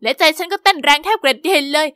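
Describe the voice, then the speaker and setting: Very high, bright female narrator. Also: quick pace, no room sound, studio quality. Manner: lively, expressive storytelling. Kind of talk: scripted first-person narration.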